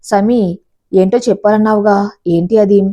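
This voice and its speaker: A woman's voice: mid-range voice, steady tone, moderate pace, mellow, lightly acted. A woman voicing an angry, jealous young man who scolds his fiancée with sarcasm. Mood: angry, sarcastic.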